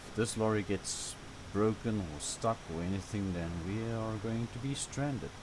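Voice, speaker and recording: Over the constant hum of an air conditioner, an unhurried South African man with a deep voice narrates a driving game for his gaming channel. Afrikaans is his first language, and his casual tutorial wanders loosely, packed with fillers and the occasional mild complaint.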